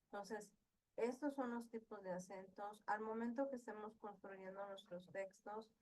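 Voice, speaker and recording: A woman's voice: mid-range voice, fairly even intonation, normal speed, darkish tone, poor audio. Woman teaching an online class. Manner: explanatory, with many fillers and checking questions.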